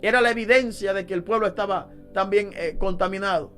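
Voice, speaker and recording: High, bright-voiced male preacher. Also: a little fast, faint music behind. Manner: emphatic preaching with rhetorical questions. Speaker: deliverance minister. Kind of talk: sermon.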